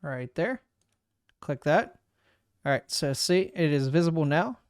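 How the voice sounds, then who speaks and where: A streamer with a smooth, dry voice, slightly high, walks through software in a casual screen-recorded tutorial. He thinks aloud at an unhurried pace while clicking through the steps, recorded on a desk microphone with no echo.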